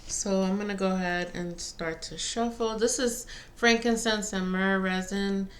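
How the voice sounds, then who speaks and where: A woman giving a casual spiritual card reading to viewers, pausing between phrases. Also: mid-range voice, steady tone. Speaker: tarot and oracle card reader. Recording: faint background noise.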